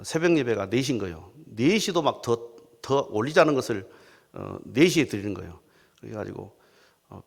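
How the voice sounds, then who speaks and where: A male pastor from southern Jeolla with a Jeolla accent, preaching as a folksy, animated storyteller. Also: on the low side, vocal fry. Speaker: guest pastor. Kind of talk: humorous storytelling sermon. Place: church sanctuary. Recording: long church hall reverb.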